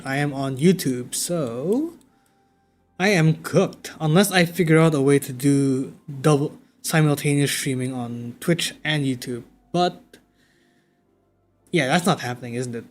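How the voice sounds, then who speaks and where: A man livestreaming a game, talking casually and thinking out loud in a conversational way. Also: fairly high pitch, moderate pace. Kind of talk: casual livestream chat while playing a game. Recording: game music behind the voice. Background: video game music.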